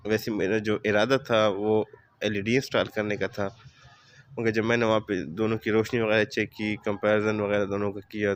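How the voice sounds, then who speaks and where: Man with a sore throat, low-pitched. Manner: measured, advising, with frequent fillers. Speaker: car vlogger. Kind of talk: casual video explanation. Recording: faint background noise.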